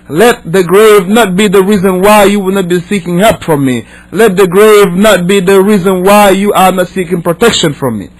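This high-voiced man from Senegal is an imam teaching a religious class in English, his non-native language. He reads and explains with emphasis, repeating himself, rephrasing, and posing rhetorical questions, and the audio quality is poor.

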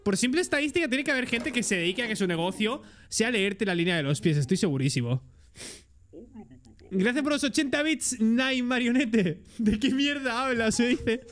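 A man with a Spain Spanish accent streaming a game, joking excitably and talking to his chat. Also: extremely high pitch, moderate pace. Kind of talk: live gameplay commentary.

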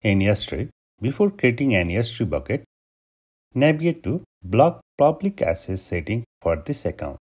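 A man from Nepal hosting a step-by-step software tutorial, giving steady instructions over a screen recording. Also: lowish voice, normal speed, breathy edge. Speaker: tutorial host.

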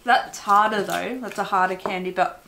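A woman's voice: medium pitch, fairly even intonation, moderate pace, sharp tone, a little hiss or hum. An Australian woman hosting a casual snack-tasting chat, chatting away while she chews. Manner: chatty, talks while chewing. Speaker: host.

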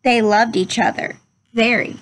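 Reading aloud for children beneath a covered wooden pavilion outdoors, a young adult woman chats with young viewers in a plain, teaching manner. Her voice is a little high and a bit bright, with fairly even intonation and a slightly slow pace, against slight background noise.

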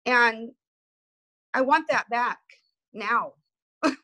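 Woman, business owner, casual chat; emotional storyteller with a raised, sharp, bright tone. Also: fairly high pitch, very slow, poor audio. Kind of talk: casual conversation.

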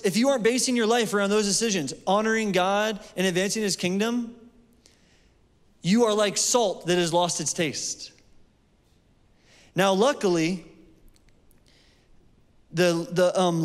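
A man preaching a sermon in a church in a loose, conversational way, with fillers and restarts. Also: sits high. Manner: conversational, with fillers and self-corrections. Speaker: pastor. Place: church sanctuary. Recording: long hall reverb.

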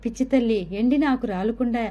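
A woman voicing a frail, gentle elderly grandmother who speaks tenderly and sorrowfully. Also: a little high, a little fast, highs cut off, lightly acted. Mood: sad, tender.

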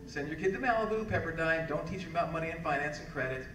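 High-voiced man rousing a live audience. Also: quick pace. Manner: rousing, calls for audience response. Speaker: keynote speaker. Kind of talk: motivational speech to a live audience. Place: stage in a large hall. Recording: roomy stage audio from a distance, noisy.

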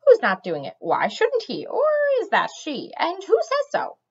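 A woman's voice: high voice, huge pitch swings, a little slow, pitched above the performer's own voice, exaggerated voice. A woman voicing a talkative, fretful male cat who chatters fussily, on a dull lo-fi recording. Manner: chattering, fussy.

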